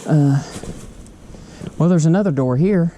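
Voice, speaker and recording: A man's voice: on the high side, a little slow, mellow. A man vlogging a hike on a forest trail, talking to viewers in a wry, chatty way as he walks with his phone in hand. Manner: chatty, wry, talks to viewers while walking. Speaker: hiking vlogger. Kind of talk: casual narration while hiking. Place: outdoor forest trail by a creek. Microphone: handheld phone. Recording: outdoor wind and creek noise.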